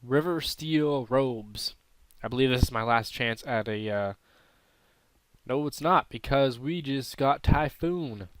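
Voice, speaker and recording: A man's voice: medium pitch, takes it slowly, smooth. A man with a throat irritation giving casual, unsure, self-correcting commentary while playing a mobile game. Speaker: gaming channel host.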